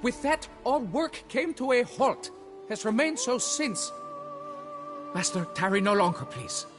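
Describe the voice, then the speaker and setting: Brief: a man playing a shrill, fussy game foreman, voice swooping all over, always haggling. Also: big pitch swings, measured pace, music in the background, exaggerated voice. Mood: pleading. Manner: flustered, pleading and haggling, old-fashioned oaths. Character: fussy, blustering male quarry foreman, middle-aged. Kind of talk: fan dub of a video game.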